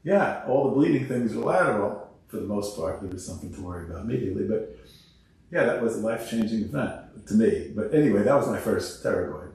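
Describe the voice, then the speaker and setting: A man, an oral surgeon talking shop in an interview, pausing and restarting his sentences often. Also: lowish voice, lively intonation, a little mellow. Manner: halting, many restarts and self-corrections. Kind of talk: conversational interview. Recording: roomy, distant mic.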